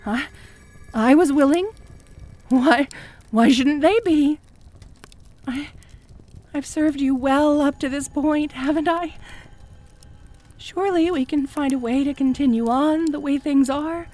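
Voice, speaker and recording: A woman playing a fanatical, jealous cult high priestess in an audio role-play, fawning and pleading with stammering devotion. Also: slow pace, pauses often, a little mellow, soft background music. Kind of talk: scripted audio role-play addressed to the listener.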